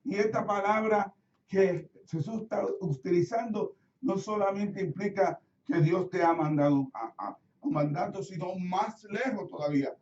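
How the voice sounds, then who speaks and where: A middle-aged Puerto Rican pastor preaches to his congregation in a lively storytelling manner. His voice is dark and mellow, set somewhat high, and it rings through a roomy church from a mic far away. The sound is a little dull. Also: unhurried, slight background noise. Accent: Puerto Rican Spanish. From Puerto Rico. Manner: storytelling, acts out his own prayers, asks the congregation questions. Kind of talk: sermon. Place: church sanctuary.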